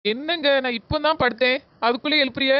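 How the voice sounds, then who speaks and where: A high, fast voice of a woman playing a cartoon daughter-in-law. She grumbles sarcastically in a southern Tamil Nadu accent, on dull lo-fi audio. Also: close to an everyday voice. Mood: grumpy. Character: grumpy, sarcastic young daughter-in-law woken from sleep. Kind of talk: comedy skit voice acting.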